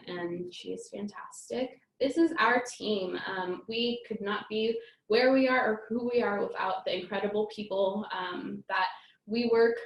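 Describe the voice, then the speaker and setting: A woman's voice: mid-range voice, vocal fry, roomy sound, rough recording. A woman immigration attorney presenting slides in a live webinar, talking hesitantly with many filler ums and restarts. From United States (born in Iraq, raised in the US from age four).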